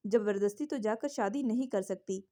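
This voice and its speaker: A woman's voice: medium pitch, moderate pace, mellow, natural voice. Woman voicing a whiny, scheming young woman. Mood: complaining.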